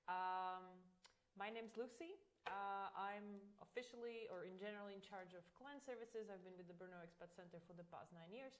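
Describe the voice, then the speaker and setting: A woman from Slovakia, a client services consultant, presenting a webinar in a relaxed way with many fillers. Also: mid-range voice, normal speed. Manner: relaxed, hesitant with many fillers, laughs easily. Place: online webinar.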